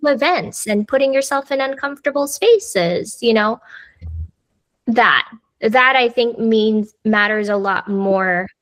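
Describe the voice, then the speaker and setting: An American woman with a fairly high, fairly bright voice speaks slowly as a guest on a podcast, in a dry setting with no room sound. The talk is a casual conversational interview, and she's chatty, sprinkling in plenty of fillers like "like" and "you know."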